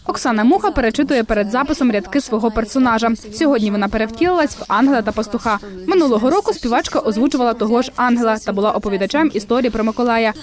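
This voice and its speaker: A woman reporter with a very high-pitched voice. She reads a scripted news voice-over at a rapid pace.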